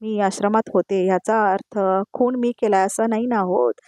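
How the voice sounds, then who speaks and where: A woman's voice: medium pitch, fairly even intonation, moderate pace, a little mellow, no room sound, natural voice. A woman reading out the lines of an anxious young female client who pleads and apologizes, recorded close and dry. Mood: pleading.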